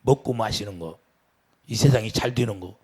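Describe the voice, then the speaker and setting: A man preaching a sermon as pastor, asking the congregation questions and swinging from loud to quiet. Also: on the low side, normal speed, slightly rough. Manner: preaching with sudden rises and drops, asks the congregation questions.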